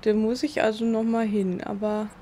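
A woman's voice: on the high side, flat delivery, normal speed, dark tone. A woman giving casual gameplay commentary in a blunt, impatient, colloquial way. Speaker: let's player. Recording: clear background noise.

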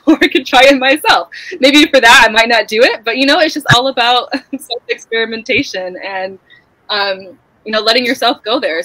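A woman speaking as a podcast guest in a candid, animated way, with casual swearing. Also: fairly high pitch, low-quality recording.

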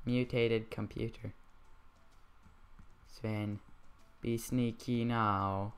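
Man for let's play commentary: goofy, rambling, unhurried delivery, smooth clear tone. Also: lowish voice, little pitch movement. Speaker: gamer.

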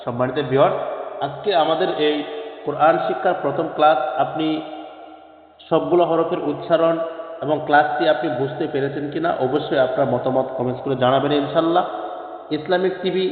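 A man teaching a Quran reading lesson, singing out each letter name slowly and repeating it. His voice sits fairly high and comes through a thin, phone-like line. A long, echoing reverb trails every word. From Bangladesh. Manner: slowly drawn-out, sung letter names repeated twice.

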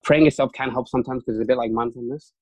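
A young man, a junior doctor whose first language is Urdu, is interviewed and answers in a fast, casual, chatty way, repeatedly restarting and filling pauses. His voice is mid-range and steady, recorded without echo.

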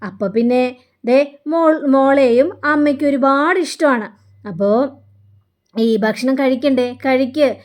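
A woman voicing an older grandmother from a TV serial who gently coaxes a child to eat. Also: high voice, measured pace, long pauses. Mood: coaxing. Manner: coaxing, gentle.

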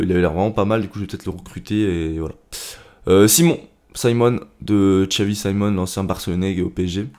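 A young man giving casual, rambling commentary on his football game career, with lots of fillers and excited shouts at goals. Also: fairly low pitch. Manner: chatty, rambling, many fillers. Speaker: gaming YouTuber.

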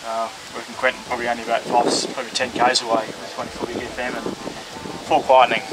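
Speaking quickly and in a monotone, an Australian man in his forties runs an informal amateur radio demo on an open grassy hillside. His voice is mid-range, and the outdoor recording carries clear background noise.

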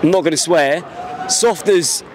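A faint crowd sits behind this street vox pop, recorded outside a busy stadium with the interviewer holding a handheld mic. The speaker is a football fan in his 20s whose voice is fairly high and a little slow. He talks passionately and emphatically, repeating words.

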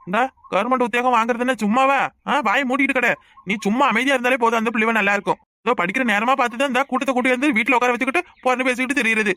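In cartoon voice acting, a performer plays a bossy yet caring middle-aged village uncle with a Kanyakumari Tamil accent, scolding affectionately. The mid-range voice is bright and forceful, lightly acted, with no room sound.

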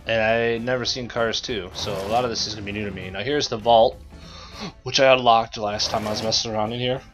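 A man's voice: on the low side, steady tone, fast, a bit bright. A man giving laid-back, rambling casual commentary as he plays a video game. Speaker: let's play commentator. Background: game music and sounds.

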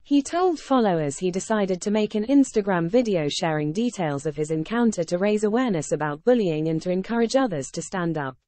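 Mellow-voiced woman reading celebrity news. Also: medium pitch, animated, a little fast, hardly any pauses, dry recording. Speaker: news narrator. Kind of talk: scripted news narration.

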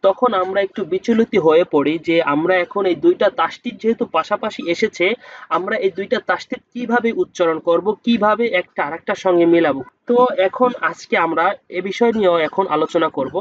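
This man, whose voice sits high, teaches Quran reading one letter and vowel mark at a time before drawing out the joined word slowly. It's a step-by-step spelling lesson recorded with dull sound.

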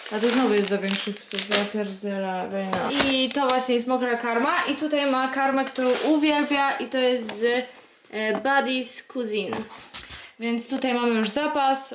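A woman's voice: a little high, echoey room, noisy background. A woman vlogging at home, cooing at her dog in baby talk. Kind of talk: casual home vlog.

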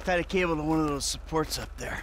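A man's voice: a little high, fairly quick, noisy background, natural voice. An actor playing a middle-aged man in a video game, furious and sarcastic at the man who slept with his wife. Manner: sarcastic, explosive, profane.

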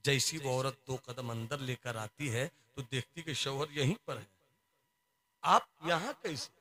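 A man's voice: medium pitch, moderate pace, fairly bright tone. A male preacher giving a sermon, telling a story with dramatic, rhythmic repetition and sung verse.

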